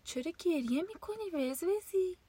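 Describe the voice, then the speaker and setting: A woman voicing small, gentle forest animals in a children's story, raising her voice into a lilting pitch. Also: lively intonation, no room sound, far from the mic.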